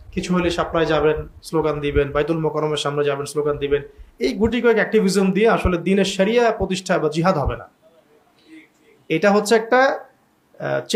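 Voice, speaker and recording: A man's voice: on the high side, creaky. A man giving an emphatic religious lecture, stacking his points in long repeated lists and quoting Arabic verses. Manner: quotes Arabic verses in recitation. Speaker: Islamic preacher.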